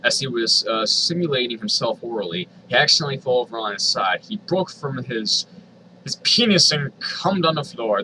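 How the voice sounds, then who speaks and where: This medium-pitched man has a bright, forceful tone, heard on a low-quality recording with slight hiss or hum. He gives a dramatic reading of an online fan fiction story, adding exasperated, sardonic asides and swearing liberally.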